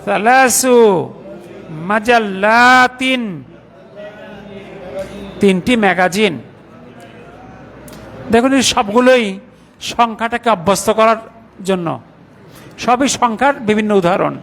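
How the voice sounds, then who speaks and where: High-voiced man teaching a grammar class. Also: a bit bright, a little hiss or hum. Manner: patient, spells out word forms slowly. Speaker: Arabic teacher. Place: mosque class.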